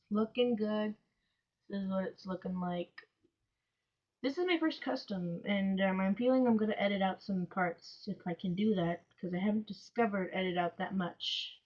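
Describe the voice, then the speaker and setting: A woman's voice: mid-range voice, normal speed. Chatty woman on dull lo-fi audio. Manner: chatty and self-mocking, with dramatic groans. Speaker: vlogger. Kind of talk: casual DIY commentary. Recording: dull, lo-fi home recording.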